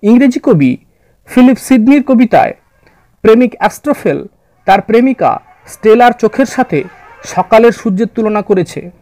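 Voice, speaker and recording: A man narrating a scripted literature lesson in a measured, orderly way, addressing his students. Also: sits high, lively intonation, dark tone, no room sound. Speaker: literature teacher. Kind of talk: scripted explanatory lecture narration.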